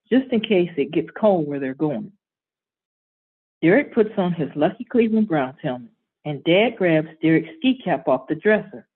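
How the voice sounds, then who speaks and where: Woman, bedtime story host, calm reading, husky, tinny lo-fi audio. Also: lowish voice.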